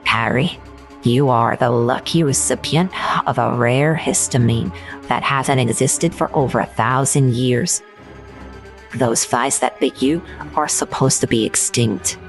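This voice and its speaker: A woman's voice: extremely low pitch, measured pace, creaky, faint music behind, full character voice. A woman playing a brash, irritable professor in her forties who talks bluntly and swears casually in an audio drama. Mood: matter-of-fact. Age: 40s.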